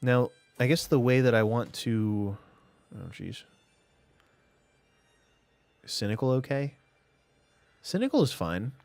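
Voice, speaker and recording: A man's voice: mid-range voice, lively intonation, slow pace, long pauses, darkish tone, dry recording. A man streaming a strategy game live, thinking aloud and chatting casually to himself and viewers. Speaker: gaming streamer. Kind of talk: casual live gameplay commentary.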